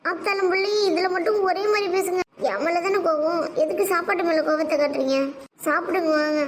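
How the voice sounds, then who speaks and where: A woman's voice: extremely high pitch, fairly even intonation, fairly quick, heavy background noise. Woman playing a coaxing, patient mother. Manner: coaxing, pleading. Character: patient peacemaking mother and wife. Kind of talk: family drama acting.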